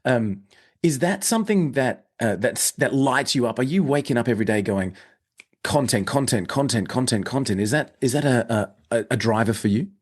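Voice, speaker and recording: A man's voice: medium pitch, lively intonation, moderate pace. Effusive male podcast host. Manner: effusive, many repeated starts and fillers. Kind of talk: interview host.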